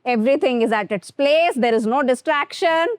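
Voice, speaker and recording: A woman's voice: high-pitched, very slow, clear, resonant tone, no echo, studio quality. A woman with an Indian accent teaching a grooming workshop to students in a classroom, switching between Hindi and English and addressing them directly.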